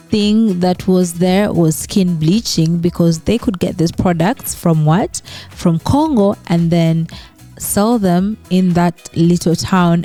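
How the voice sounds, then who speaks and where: A woman from Western Uganda hosts her own YouTube channel with casual commentary, chatty and conversational, full of tag questions and fillers like "right?" and "you know". Her voice is on the low side with a warm tone.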